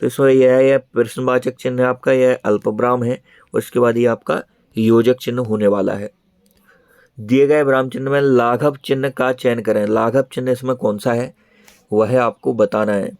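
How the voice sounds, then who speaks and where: A man's voice: mid-range voice, fairly even intonation, moderate pace, a little mellow, no echo. A man teaching an online exam prep lesson in speech, repeating each answer as he explains it.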